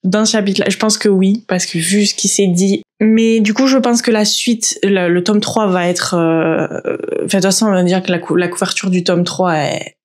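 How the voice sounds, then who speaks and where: A woman's voice: medium pitch, steady tone, moderate pace, a little mellow. A young woman vlogging casually about her reading, gushing and tense, with swearing and nervous exclamations. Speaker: book vlogger. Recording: echoey room with music behind.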